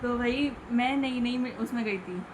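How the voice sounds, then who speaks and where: Young woman, high-voiced, playful and teasing; clear background noise. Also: measured pace. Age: young adult. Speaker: vlogger's best friend. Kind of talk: casual chat.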